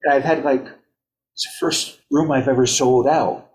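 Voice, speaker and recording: A man's voice: medium pitch, fairly even intonation, normal speed, gravelly, darkish tone. Chuckling man in a roomy space. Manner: storytelling, chuckling. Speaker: guest musician. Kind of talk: casual chat. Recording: roomy echo.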